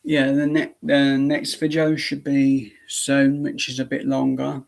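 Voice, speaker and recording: A man chatting casually to viewers on a live stream, his voice going hoarse, speaking haltingly with frequent restarts. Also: medium pitch, completely flat delivery, low-quality recording.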